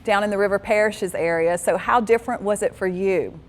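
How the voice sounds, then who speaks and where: A woman's voice: mid-range voice, fairly quick. Gracious woman hosting a panel. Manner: warm, gracious, thanking. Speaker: interviewer, panel host. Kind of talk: panel interview.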